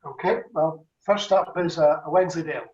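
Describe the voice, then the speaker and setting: A man's voice: fairly high pitch, moderate pace, a little mellow. A man judging cheese, thinking aloud and weighing his words in a casual tasting commentary. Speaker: cheese judge. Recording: distant, roomy, dull video-call audio.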